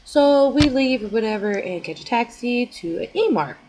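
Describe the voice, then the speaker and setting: A woman's voice: fairly high pitch, animated, moderate pace, a little mellow, a little hiss or hum, poor audio. A young woman vlogger telling a story in a chatty, rambling way, full of "like" fillers. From United States. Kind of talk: casual storytime vlog.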